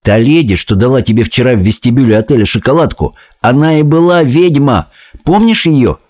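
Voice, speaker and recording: A man voicing a sensible young boy, now a mouse, who talks calmly and persuasively in an audiobook reading. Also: medium pitch, fairly quick, close to an everyday voice. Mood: earnest. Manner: calm, persuasive, a little sly.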